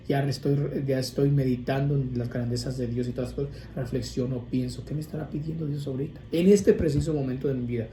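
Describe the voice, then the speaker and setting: A man's voice: mid-range voice, dark tone. A male priest giving an informal, conversational sermon on prayer, often restarting and adding asides. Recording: echoey room with faint ambient noise.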